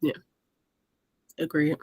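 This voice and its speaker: A woman's voice: takes it slowly, no room sound. A woman hosting a casual group video call, chatty and easygoing, saying "like" often and laughing easily. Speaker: host of an officiant meetup.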